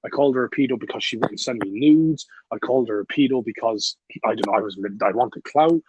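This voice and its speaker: A man's voice: mid-range voice, fast, darkish tone, slight background noise. A young man in his late teens, a podcast guest telling a story casually, blunt and profane, laughing as he talks. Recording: dull lo-fi, dry recording.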